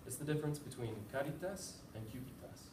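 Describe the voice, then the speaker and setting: His voice sits fairly high and sounds expressive, moving a little fast. The young US speaker offers a casual, informative class presentation with a few fillers and self-mocking asides, recorded far from the mic in a reverberant room with background noise.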